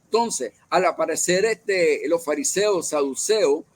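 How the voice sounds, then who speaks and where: A man's voice: on the high side, expressive, measured pace. A man leading a Bible study, explaining at length, with many fillers and self-corrections. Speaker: church leader.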